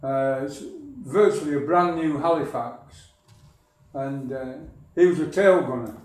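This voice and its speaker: A man's voice: mid-range voice, a little slow, a little mellow. An older man from northern England, a local history speaker telling a society rambling, wry stories. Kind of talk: anecdotal talk to a society. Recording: echoey hall from far off.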